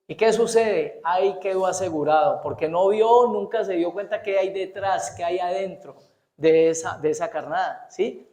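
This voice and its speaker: A man preaching a sermon as pastor, animated, firing rhetorical questions at the congregation and tripping over his words as he speeds along. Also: high voice. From Colombia. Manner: fast-talking, trips over his words. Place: church. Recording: echoey church hall.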